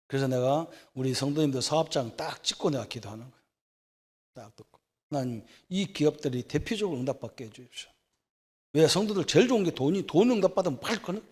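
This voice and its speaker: A middle-aged man preaching a sermon as pastor, in a conversational way, with rhetorical questions and frequent checks for agreement. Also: fairly high pitch. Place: church sanctuary.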